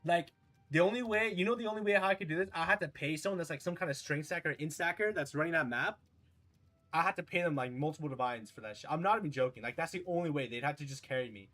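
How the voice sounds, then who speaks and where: A man's voice: on the high side, fast talker, a bit bright. A man streaming a game live, talking casually and ranting with heavy profanity about his build and the challenge.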